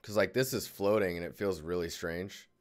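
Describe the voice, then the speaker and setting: A man's voice: deep voice, steady tone, normal speed. A man giving casual, rambling live critiques of digital art, thinking aloud as he clicks through images. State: yawning, tired.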